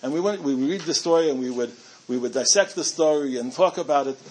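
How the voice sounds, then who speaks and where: A man's voice: on the high side, fairly quick, darkish tone, a little hiss or hum. A middle-aged man giving a storytelling talk to a community audience, chatty and self-amused, with frequent restarts.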